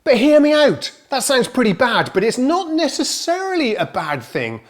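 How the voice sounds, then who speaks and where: A man's voice: extremely high pitch, huge pitch swings, normal speed. A man hosting his own music channel, talking casually to camera in a chatty, self-mocking way. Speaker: host. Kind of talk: casual presenter talk to camera.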